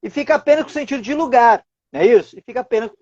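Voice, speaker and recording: A man's voice: very high voice, lively intonation, racing, a little mellow, no room sound. Man, teacherly, rhetorical questions, dry sound, lo-fi audio. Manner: didactic, asks rhetorical questions. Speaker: guest writer and Portuguese teacher. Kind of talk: explanatory live-stream talk.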